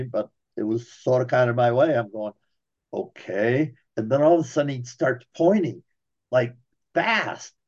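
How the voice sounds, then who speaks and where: A man's voice: mid-range voice, darkish tone, dull audio. A man casually telling a personal story in a folksy way, talking straight to his listeners.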